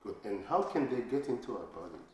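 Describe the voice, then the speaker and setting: A man's voice: medium pitch, big pitch swings, fast talker, a little mellow. A man as a teacher giving an oral speaking test, asking patient questions and giving short praise. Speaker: English teacher and examiner. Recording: very echoey room with faint noise.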